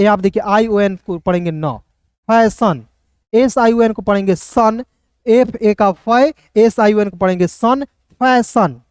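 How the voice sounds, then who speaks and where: A man's voice: high-pitched, a little mellow, clear, resonant tone, dry recording, clean studio sound. A man teaching English pronunciation in an online class, spelling words out letter by letter and checking in with viewers again and again. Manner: spells words letter by letter, repeats answers and asks the viewer to repeat; addresses viewers as friends, frequent check-ins.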